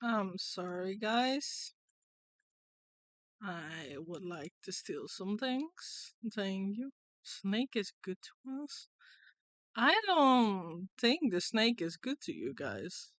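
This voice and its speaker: A woman's voice: mid-range voice, big pitch swings, drawn-out words, fairly bright tone, dry recording. A woman streamer giving casual game commentary and reading story narration aloud with dramatic flair.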